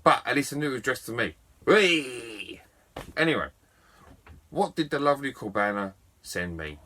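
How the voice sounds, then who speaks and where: A man's voice: mid-range voice, very animated, fast, sharp tone. A middle-aged man, a game collector telling a story to camera in a chatty, enthusiastic and self-mocking way. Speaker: video game collector vlogger.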